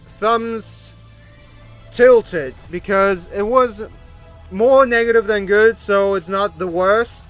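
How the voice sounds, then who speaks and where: A young man with a German accent and a fairly high voice rambles through a casual, exasperated movie review. He drops into low mutters and then bursts out in complaint. Faint music plays underneath. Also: a bit bright. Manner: rambling, exasperated, swings between mutters and outbursts. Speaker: video creator.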